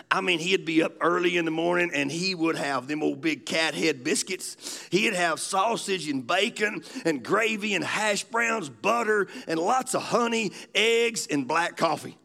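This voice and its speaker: A man's voice: sits high, normal speed, vocal fry, pushed and bright. A man, preaching a sermon in a folksy storytelling way. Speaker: pastor.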